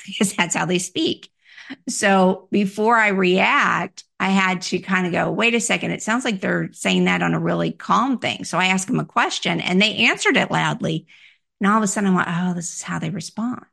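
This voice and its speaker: A woman giving instructional advice on handling difficult requests, in a measured, explanatory way that poses questions to the listener. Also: on the low side, creaky, fairly bright tone. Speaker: workplace communication coach. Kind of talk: instructional talk.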